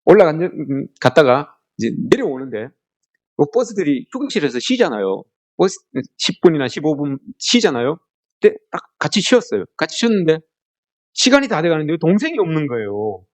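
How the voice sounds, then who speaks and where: This middle-aged pastor has a higher-pitched, very animated voice and talks a little fast. He preaches a family worship sermon full of stories, often putting questions to the congregation and acting out quoted lines in a raised voice.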